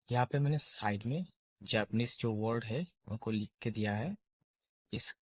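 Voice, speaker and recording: Slow husky man teaching vowels. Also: fairly low pitch, a little mellow, dry recording. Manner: repeats each word and its meaning twice. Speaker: language teacher. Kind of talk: slow spoken lesson.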